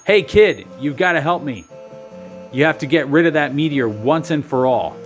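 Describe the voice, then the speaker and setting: A man's voice: on the high side, expressive, moderate pace, faint music behind, close to an everyday voice. A man voicing a male scientist just freed from brainwashing, read out plainly in a video game walkthrough. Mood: urgent. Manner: plain reading of the lines, barely acted.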